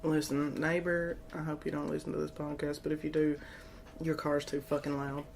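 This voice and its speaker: Low-voiced giggly woman podcast host. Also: little pitch movement, normal speed, vocal fry, a little mellow, a little hiss or hum. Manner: giggly, joking, crude banter. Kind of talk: casual chat.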